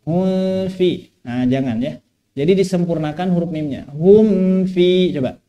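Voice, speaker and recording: Guy teaching quran reading at a mosque, high mellow voice, slow and patient, repeats each bit. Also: lo-fi sound. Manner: patient, repeats phrases slowly for correction. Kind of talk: tajweed lesson with recitation.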